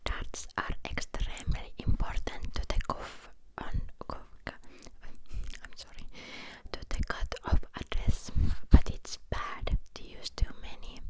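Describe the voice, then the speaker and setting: Whispering close to the listener's ear, a woman reads a book aloud as ASMR through a close ear-to-ear microphone. Her reading is halting, and she stumbles over words now and then.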